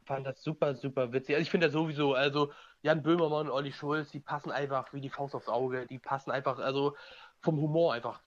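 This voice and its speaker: A man's voice: mid-range voice, fairly even intonation, fast, dull audio. A man co-hosting a podcast in casual chat, agreeable and affirming, with hesitant fillers. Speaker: podcast co-host.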